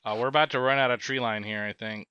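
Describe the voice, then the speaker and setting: A man's voice: medium pitch, steady tone, fast talker, bright, forceful tone, smooth, dull audio. A young man on a headset, chatting and joking with his squad during a military game, short of breath from moving. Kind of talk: casual squad chatter over game comms.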